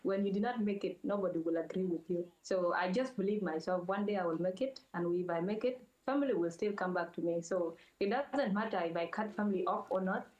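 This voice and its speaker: A young woman from South Sudan, a model, answering interview questions in plain, earnest, halting phrasing. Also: mid-range voice, a little mellow, dull audio. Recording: roomy echo.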